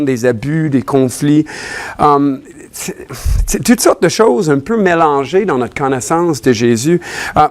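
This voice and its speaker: Man, native English speaker, from Ontario, preaching in church, casual and joking, halting with fillers, fairly high voice. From Ontario, Canada. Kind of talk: sermon.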